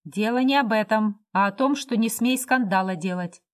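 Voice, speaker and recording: A woman's voice: mid-range voice, normal speed, lightly acted. An earnest workman lectures sternly about right and wrong, as a woman narrator reads his lines. He is preachy and firm.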